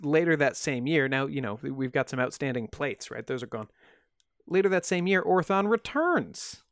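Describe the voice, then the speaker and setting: His voice is high-ish with lively intonation and a normal pace as he co-hosts a podcast, spinning an odd tale in a wry, joking manner with many fillers. The recording is dry and studio-clean.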